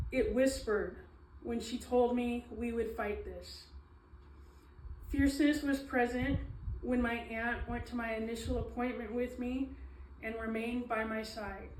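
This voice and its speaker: A woman giving a slow, earnest reading of her own poetry, pausing often with ums and apologies. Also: a little high, slight background noise. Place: small event space, indoors. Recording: echoey room, mic at a distance.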